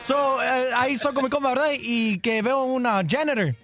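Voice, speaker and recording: A man telling a joke on a radio show, halting and searching for words, mixing in English. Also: extremely high pitch, steady tone, fairly bright tone, soft background music. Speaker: comedian guest.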